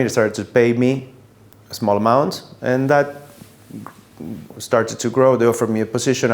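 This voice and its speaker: Low-voiced man with an Argentine accent. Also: a little mellow. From Buenos Aires, Argentina. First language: Spanish. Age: middle-aged or older. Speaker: sound engineer. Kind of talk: personal career storytelling to an audience.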